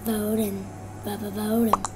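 A woman giving excitable live gameplay commentary as a channel host, often exclaiming and yelping in surprise. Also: mid-range voice, unhurried, loud music behind the voice. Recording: noisy recording with clicks.

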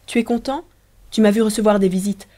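A witty young wife, teasing and arch, as a woman reader puts her on. The voice is mellow and warm. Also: mid-range voice, fairly quick, voice pushed up, natural voice.

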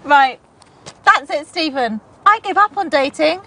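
A woman's voice: high-pitched, animated, unhurried, sharp tone, slight background noise, heavily acted. An exasperated young woman on a date. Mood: deflated. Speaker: actor in a learning drama. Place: outdoors in a park by a lake.

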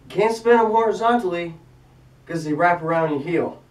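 A man's voice: high-pitched, normal speed. Young man vlogging, roomy and distant. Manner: frustrated, swearing, talking to himself while attempting a trick. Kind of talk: casual vlog commentary. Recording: roomy, distant camera sound.

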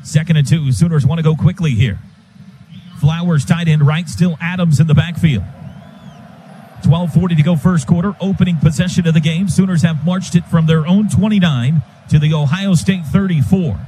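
Speaking at a moderate pace in a voice that's a little high, an American man calls live football on the radio. His delivery is clipped, with calls that grow more excited along with the action, and heavy stadium noise runs under the broadcast.

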